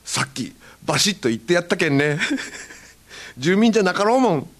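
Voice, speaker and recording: A man voicing a gruff, proud old man in his seventies, speaking in Hakata dialect and boasting with laughter. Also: high-pitched, animated, a little fast, fairly bright tone, voice pushed up. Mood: scolding, boastful. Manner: boastful, laughing through lines.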